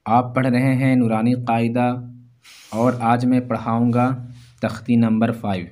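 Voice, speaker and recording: A man's voice: medium pitch, level tone, measured pace, warm tone. A man teaching Quran letter reading step by step, patiently repeating each syllable in a drill.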